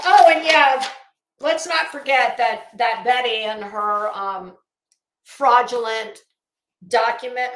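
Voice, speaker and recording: Her voice is fairly high and a bit bright as she rants unscripted as a channel host. She's blunt and scornful, hammering her points emphatically, and the room echoes around her.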